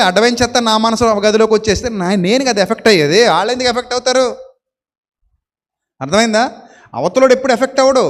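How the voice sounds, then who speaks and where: A male pastor preaching a sermon, animated, with many rhetorical questions and playful mock quotes. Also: high-pitched, in a large hall.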